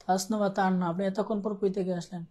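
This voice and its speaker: Young Bangladeshi man, online class teacher, rapid and conversational, playful with students. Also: high-pitched, little pitch movement, a little mellow. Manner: chatty, teasing students, keeps asking "okay?". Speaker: ICT teacher. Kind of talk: live online class lecture.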